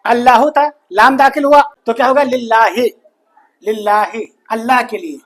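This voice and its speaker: A man teaching a grammar lesson, slowly repeating each phrase and answering his own questions. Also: very high-pitched. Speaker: Arabic teacher.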